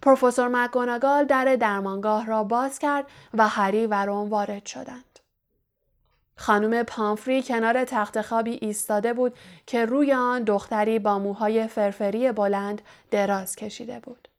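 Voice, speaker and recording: A woman narrating an audiobook in a measured, even reading style. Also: a little high. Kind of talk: scripted narration.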